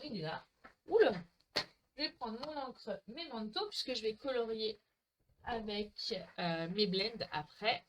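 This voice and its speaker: This woman's voice sits a little high and sounds a bit bright, with a faint hiss or hum underneath. She hosts a crafting livestream from home on a desk mic, chatting with viewers by name while she works and laughing at her own slip-ups.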